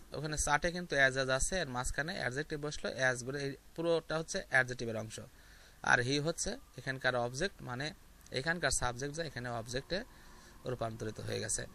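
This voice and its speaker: Male tutor, patient step-by-step explainer with fillers, bright tone. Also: mid-range voice. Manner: step-by-step explaining with frequent fillers and repeated examples. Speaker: English grammar teacher. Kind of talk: explaining grammar lesson to viewers.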